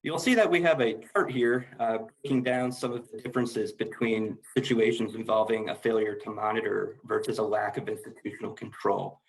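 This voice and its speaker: A man's voice: fairly low pitch, fairly even intonation, brisk, gravelly, hardly any pauses, rough recording. A man presenting a corporate training webinar, explaining slides in a formal, methodical manner.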